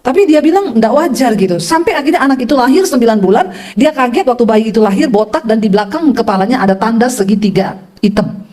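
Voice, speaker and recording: A woman pastor preaching a sermon, telling stories in a lively way and calling out to the congregation. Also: a little high, quick pace. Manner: lively storytelling, addresses listeners as brothers and sisters.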